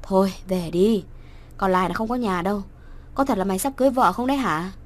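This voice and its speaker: A woman's voice: medium pitch, a little fast, close to an everyday voice. A woman voicing a stern, scolding middle-aged mother. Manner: cold, scolding.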